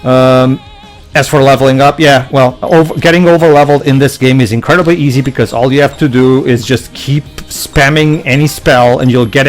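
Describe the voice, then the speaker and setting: A man giving casual let's play commentary, stammering and repeating words as he explains the game. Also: medium pitch. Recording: game music playing behind.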